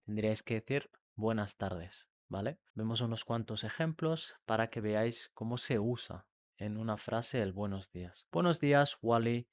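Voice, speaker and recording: A man from teaching a beginner Spanish lesson, slowly modelling pronunciation and often checking that learners follow. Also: fairly low pitch, no room sound, dull audio. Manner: slow, emphatic modelling of pronunciation with frequent checks.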